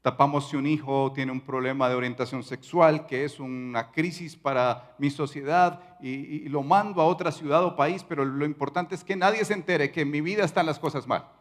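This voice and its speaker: A man preaching a Sunday sermon, his voice set a little high. He leans on key phrases slowly and deliberately, then drops to hushed, soft asides before rising again. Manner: swings between raised emphatic lines and soft, near-whispered asides. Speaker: pastor.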